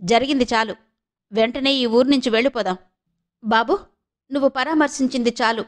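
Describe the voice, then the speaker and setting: Brief: a woman doing an upset middle-aged mother, scolding and shrill, storybook reading. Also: normal speed, lightly acted.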